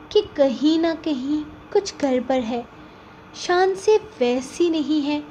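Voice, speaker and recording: Figure: affectionate young husband read by a woman. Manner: soft, gently coaxing. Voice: high and light. Style: audiobook novel reading. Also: a little hiss or hum, poor audio.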